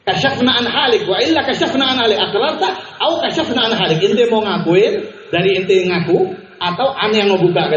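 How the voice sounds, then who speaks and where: A man's voice: very high voice, fairly bright tone. A male religious teacher giving an Islamic study sermon, mixing Arabic recitation with casual explanation and chuckling often. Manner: chuckles often while talking. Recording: roomy, dull, faint hiss.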